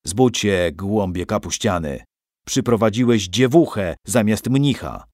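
Mężczyzna czytający audiobooka, grający groźnego złoczyńcę, który szorstko wydaje rozkazy. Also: male voice, fairly low pitch, animated, a little slow, darkish tone, dry recording, studio quality. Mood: menacing. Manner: gruff, threatening orders. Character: menacing grown man, a scheming villain. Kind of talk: audiobook character voice.

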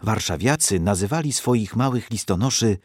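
Male storybook narrator, expressive, dry close sound. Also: on the low side, moderate pace, no room sound.

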